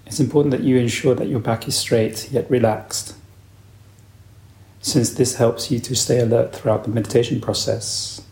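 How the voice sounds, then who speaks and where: A man speaking as a meditation teacher guides a session in a calm, soothing, unhurried way. His pitch is medium and the sound is reverberant.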